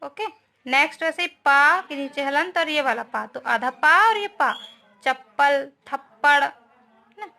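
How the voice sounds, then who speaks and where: Bright high-voiced woman teacher. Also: measured pace, vocal fry. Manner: explains each spelling and asks the class questions; often adds the tag question "है ना". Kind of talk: grammar lesson for schoolchildren.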